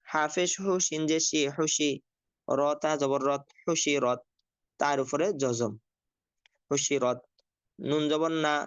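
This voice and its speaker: A man teaching a recitation lesson, spelling out letters slowly and repeating the sounds for practice. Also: fairly high pitch, fairly bright tone, no room sound. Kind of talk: spoken Quran recitation lesson. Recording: dull lo-fi dry recording.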